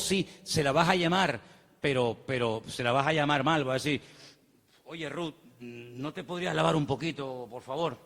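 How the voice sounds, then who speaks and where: A male pastor preaching in a hall where his voice rings out with a long echo. His voice sits fairly high for a man, and he fires off rhetorical questions and acts out the lines of the people in his story. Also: a bit bright. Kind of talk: sermon.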